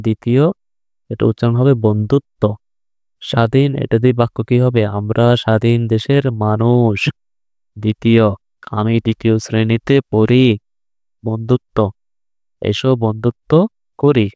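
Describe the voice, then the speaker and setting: A man teaching a recorded video lesson to young children, patient and repeating words slowly while asking the class questions. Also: on the low side, mellow, clean tone, no echo, studio quality.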